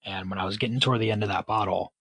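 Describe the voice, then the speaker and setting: A man's voice: fairly low pitch, steady tone, racing, fairly bright tone, slightly rough, no room sound, low-quality recording. A man speaking candidly and casually about his own experience, with wry, self-deprecating sarcastic asides. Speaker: podcast guest. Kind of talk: candid personal storytelling.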